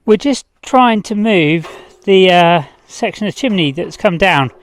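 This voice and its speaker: A man's voice: sits high, animated, a little slow. A man up on scaffolding outdoors, out of breath and commenting casually on renovation work with dry, self-deprecating humour. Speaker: vlogger working on a house renovation. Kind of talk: casual chat and on-the-spot commentary.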